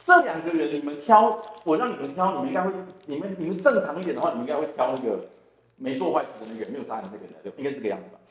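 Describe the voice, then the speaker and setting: A man's voice: on the high side, lively intonation, racing. A man with a Taiwanese Mandarin accent, a church deacon teaching a Bible study class, who acts out the dialogue from the passage. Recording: echoey room.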